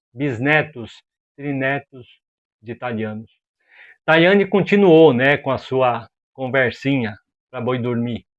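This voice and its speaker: This video host is a man from Brazil offering laid-back opinions in an exasperated, lively way, peppered with slang and rhetorical questions. He speaks at a mid-range pitch over dull-sounding audio.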